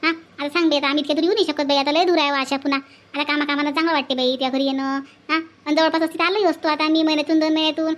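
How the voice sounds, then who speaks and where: A woman's voice: high voice, level tone, racing, fairly bright tone. A woman voicing an older village woman from who scolds and hands out repeated advice. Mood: fond grumbling. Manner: scolding, repetitive advice-giving. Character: older village woman, bossy, lecturing elder.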